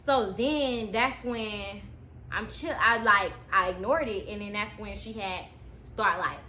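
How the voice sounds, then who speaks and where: A woman's voice: mid-range voice, measured pace. A young adult woman chatting casually in a slangy, easily sidetracked stoner manner as she tells a story. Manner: slangy, informal, animated asides. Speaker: storytime vlogger. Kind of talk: casual storytime chat to camera. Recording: echoey room with faint background noise.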